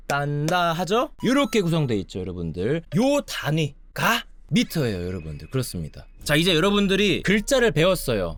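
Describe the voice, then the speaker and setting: A man teaching a bass lesson online, counting beats aloud and scatting rhythms to his viewers. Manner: lively, counts aloud and scats rhythms, addresses viewers directly.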